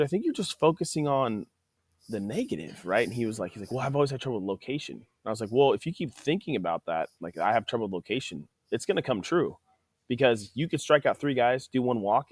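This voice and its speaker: A man who is an athletic trainer and podcast guest, telling stories in a casual, animated way and acting out quoted dialogue. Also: lowish voice, dry recording. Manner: animated, acts out quoted dialogue, says "dude" often. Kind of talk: casual conversational storytelling. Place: podcast studio.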